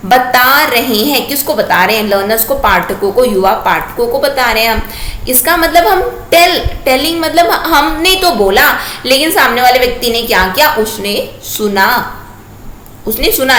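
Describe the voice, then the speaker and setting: A woman's voice: high-pitched, a bit bright. A woman teacher giving an exam-prep lecture, repeating her points and asking rhetorical check questions. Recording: echoey room with faint noise.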